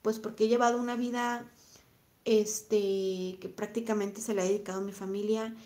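A woman with a Mexican accent, in her thirties, talking on a live stream and answering chat comments in a reflective, soft-spoken way, often repeating her phrases. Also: a little high. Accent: Mexican Spanish. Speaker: vlogger reading live chat.

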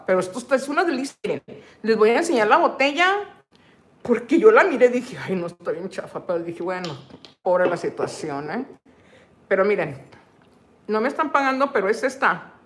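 A woman's voice: mid-range voice, expressive, brisk, pauses often. A middle-aged woman, hosting her cooking channel's livestream in a casual, chatty way, laughing often and slipping into English phrases.

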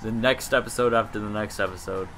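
A young man with hiccups, co-hosting a casual game session, excitable and prone to loud shouts and laughter. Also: on the low side, fast, soft background music. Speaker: let's play co-host. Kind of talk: casual gaming banter.

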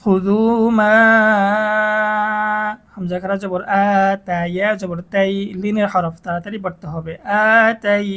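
A man with a Bangladeshi Bengali accent teaching Quran reading, who spells out letters and vowel marks and then draws out whole words slowly. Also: high-pitched, little pitch movement.

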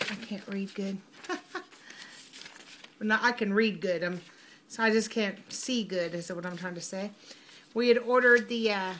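A woman's voice: fairly high pitch, fairly bright tone. Gushing woman unboxing at home. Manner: gushing, chatty, addresses viewers as y'all. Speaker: vlogger unboxing a mail order. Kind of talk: casual unboxing chat. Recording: noisy home recording with crinkling packaging.

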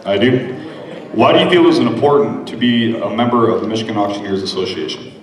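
A man's voice: lowish voice, brisk. A middle-aged man reading out formal interview questions as an emcee on stage. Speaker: master of ceremonies asking questions. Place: indoor stage at a podium. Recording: echoey hall, distant, background noise.

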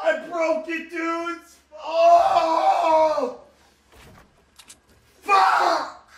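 A young man with a lisp, streaming a game live and yelling and swearing in bursts of rage. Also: very high voice, sing-song, slow pace, background noise. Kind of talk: raging live-stream commentary.

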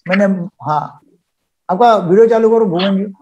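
Older man, high-voiced webinar psychiatrist. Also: moderate pace, a little mellow, lo-fi sound, slight background noise. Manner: explains by acting out little dialogues. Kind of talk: live webinar talk. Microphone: video call.

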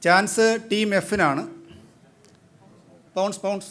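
A man hosting a live quiz as quizmaster, briskly prodding the teams and questioning their answers. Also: high-pitched, steady tone, a bit bright.

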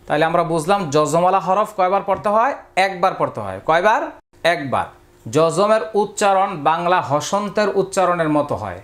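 A man's voice: high-pitched, fairly bright tone. A man with a Bangladeshi Bengali accent teaching a step-by-step reading lesson, patiently drawing out and repeating syllables for learners to copy.

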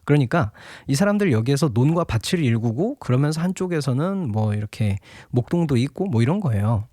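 Lively chatty man giving a Bible talk. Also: mid-range voice, fairly quick, no echo, clean studio sound. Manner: chatty, laughing often, acts out a scolding father. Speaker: devotional Bible teacher. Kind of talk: casual devotional talk.

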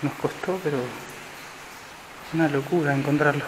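Very noisy handheld camera audio carries an Argentine man's voice, a little higher than average. He comments casually in short, slangy bursts as he explores an empty building at night. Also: steady tone, moderate pace. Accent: Argentine Spanish. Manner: informal, slangy, speaking in short remarks.

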